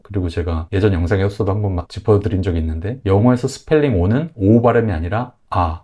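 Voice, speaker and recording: Quick-talking low-voiced male teacher. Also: dark tone. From Korea. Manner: explanatory, repeats example words slowly. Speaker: English teacher. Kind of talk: casual video lesson.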